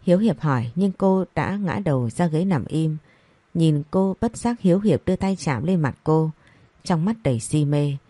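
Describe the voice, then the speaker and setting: A woman narrating a scripted story, reading each character's lines in the same even voice. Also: deep voice, normal speed, no room sound. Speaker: audiobook narrator.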